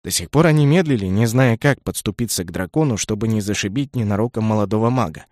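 A man narrating a fantasy audiobook in a measured, even reading. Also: lowish voice, no echo. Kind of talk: scripted narration. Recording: dry close studio sound.

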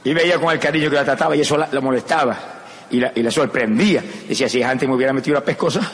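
Speaking very fast in a medium-pitched voice, an older Puerto Rican evangelist gives a fiery sermon woven with his own testimony, in a Puerto Rican Spanish accent. His delivery moves between gentle storytelling and loud shouts. Crowd noise fills the echoing hall where it was recorded.

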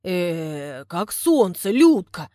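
Lady doing a clumsy lovesick village guy, begging and fumbling, lively voice. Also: on the low side, extremely slow, no room sound, studio quality, heavily acted. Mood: fawning. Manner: pleading, fawning, stumbling for words. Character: clumsy, fawning village man, besotted and pleading.

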